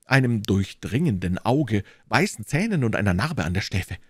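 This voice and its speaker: Casting: a man doing a timid, fussy landlord, high and strained, eager to please, in a lively sing-song and a dry, close sound. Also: normal speed, breathy edge, no room sound. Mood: fretful. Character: anxious, fussy middle-aged male landlord. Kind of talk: audiobook reading.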